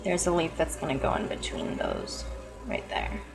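A woman's voice: sits low, huge pitch swings, normal speed, gravelly, over music. A woman talking through a makeup tutorial in a casual, chatty way, often joking at herself.

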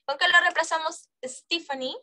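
A woman's voice: extremely high pitch, moderate pace, bright, forceful tone. A woman teaching an English exam-prep class, coaxing students and checking in with frequent questions.

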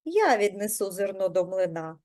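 A woman's voice: mid-range voice, big pitch swings, moderate pace, a little mellow, voice pushed down, natural voice. A woman voicing a hardworking, patient male rooster in a children's storybook reading, calling out in an earnest way.

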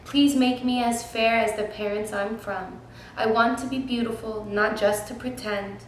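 A woman's voice: fairly high pitch, steady tone, moderate pace, a little hiss or hum, natural voice. A woman teacher voicing a sad young girl who pleads in prayer for a miracle, read from a storybook in a very echoey room. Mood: pleading.

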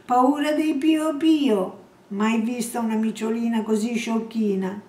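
A woman's voice: mid-range voice, expressive, a little slow, natural voice. A woman reading a cat-loving man, teasing. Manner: gently teasing, coaxing. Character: middle-aged man fussing gently over his cat. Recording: roomy echo, distant mic.

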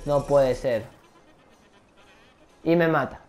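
A man's voice: mid-range voice, slow, slight background noise. A man who hosts a gaming channel, giving live gameplay commentary with frequent exclamations, curses and English slang mixed into his Spanish.

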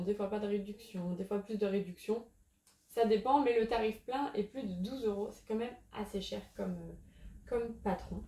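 A woman with a raised, mellow voice chats casually about crochet projects, hesitating often with small fillers. The sound bounces around an echoey room at home. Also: a little high. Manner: chatty, hesitant with frequent fillers. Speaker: crochet YouTuber. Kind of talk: casual chat.

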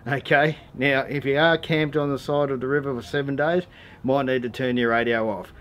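An Australian man in his forties, host of a how-to four-wheel-driving channel, gives a casual, matter-of-fact DIY tutorial outdoors in a driveway and around vehicles. His mid-range, fairly bright voice holds a steady tone at a moderate pace, delivered in a laid-back, slangy way. Background ambient noise is noticeable.

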